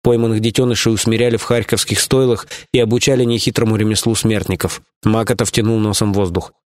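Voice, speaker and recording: A man narrating an audiobook in a steady, even storytelling manner. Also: lowish voice, fast talker. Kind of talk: scripted narration.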